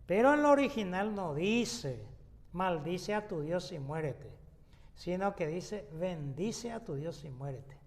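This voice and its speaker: A man teaches a Bible study as a pastor. His voice sits high for a man, and he explains at an unhurried pace, pausing on fillers and restarting phrases. A long reverb trails each sentence. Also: lively intonation.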